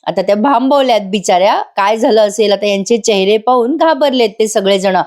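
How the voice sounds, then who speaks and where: A woman's voice: mid-range voice, brisk, a little mellow. A woman narrating a chatty voice-over recap of a TV serial, talking straight to her viewers. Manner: chatty, addressing viewers directly. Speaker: serial reviewer.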